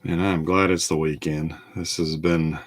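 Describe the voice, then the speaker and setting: A man's voice: sits low, little pitch movement, moderate pace. A tired middle-aged man, hosting a casual live card-break stream and rambling with lots of fillers and restarts. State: tired, yawning. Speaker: host of a group card break.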